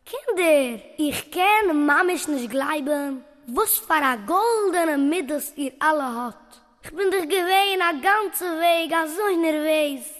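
A woman voicing an excitable, chatty young camp girl. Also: high-pitched, takes it slowly, big-room sound, heavily acted. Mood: excited.

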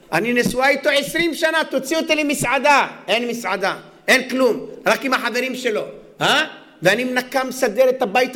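An indignant, fed-up wife complains in a high, bright voice, as a male preacher puts her on. She rants and protests in a string of grievances, in the middle of a spoken joke. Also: heavily acted.

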